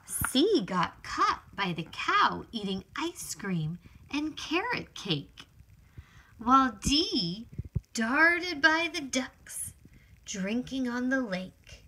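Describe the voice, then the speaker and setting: An author reads her own picture book for small children, very slowly and deliberately, in a high, bright, sing-song voice full of exclamations. She is very animated, faint noise sits behind her, and the recording is low quality.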